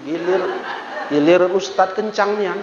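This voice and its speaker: High-voiced joking village preacher, echoey hall. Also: male voice, unhurried, a crowd in the background, noisy background. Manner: joking, addresses audience, sing-song rhymes. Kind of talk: village sermon with humor. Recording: echoey hall, dull lo-fi sound.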